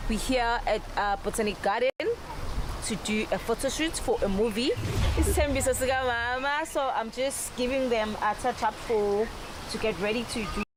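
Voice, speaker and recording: A woman's voice: a little high, moderate pace. A woman, a makeup artist, chatting casually to camera outdoors. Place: outdoors in a garden. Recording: very noisy outdoor ambience.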